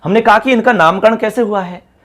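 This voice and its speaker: A man's voice: high-pitched, fairly quick. A man teaching a lesson who keeps asking his students questions and answering them himself. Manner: lively, repeats call-and-response questions to students. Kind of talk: classroom lesson.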